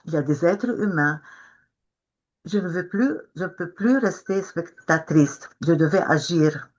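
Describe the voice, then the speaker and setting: A woman's voice: sits low, muffled recording. An older woman from Israel speaking as a panelist, often stopping and starting again as she searches for her words. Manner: halting, searching for words, many restarts. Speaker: panelist, peace activist. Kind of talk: webinar talk, first recited then spoken freely. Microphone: video call.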